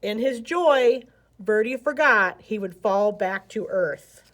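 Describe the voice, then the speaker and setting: Reading a picture book aloud as a children's storyteller, a woman gives the words animated, dramatic emphasis. She speaks slowly at a medium pitch.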